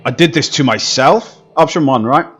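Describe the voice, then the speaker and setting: A man's voice: on the high side, moderate pace, a bit bright, husky, soft background music. A man streaming a video game, making jokey, sarcastic asides in casual commentary.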